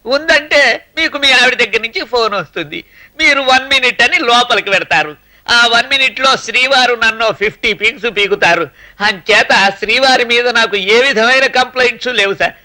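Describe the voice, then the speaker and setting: A man's voice: very high-pitched, expressive, a little fast, pushed and bright, full character voice. An actor playing a meek man who speaks politely and deferentially, with a Telugu accent, in a comic film scene. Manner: polite, deferential, calling the other "sir".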